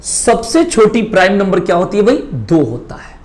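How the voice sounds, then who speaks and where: A man teaching maths in a coaching class, explaining slowly and asking check questions again and again. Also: sits high, big pitch swings, darkish tone. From India. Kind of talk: classroom lesson at a whiteboard.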